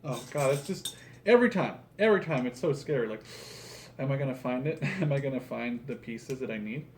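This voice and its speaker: He's a YouTube host from the Netherlands, in his twenties, chatting casually while he builds at a table indoors in a small room at home; his talk rambles, halts and turns self-deprecating. The voice is medium-pitched and animated. A camera opposite him records from slightly distant, catching room noise and clicking pieces.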